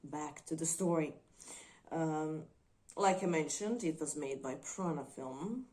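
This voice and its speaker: A woman talks through a movie review in unscripted commentary. Her voice sits low and she takes her time, weighing her words and pausing often between thoughts. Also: darkish tone. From Croatia. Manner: thoughtful, hesitant, frequent filler pauses.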